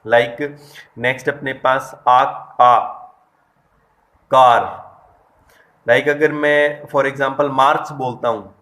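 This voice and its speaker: A man gives an English phonetics lesson to his students. He talks in a flat, level voice, hesitating and correcting himself as he goes. He draws out and stresses each example word. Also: mid-range voice, a little slow. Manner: explains step by step and addresses students directly; stresses and drawls out example words. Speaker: English teacher. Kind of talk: online lesson.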